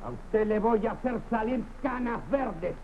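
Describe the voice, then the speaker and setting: An actor playing a bossy, irritable army sergeant, barking clipped orders like a drill sergeant in an old television comedy. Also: male voice, high voice, unhurried, a crowd in the background. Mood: angry, commanding. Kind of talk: 1960s television sketch comedy acting. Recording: tinny, noisy old television soundtrack.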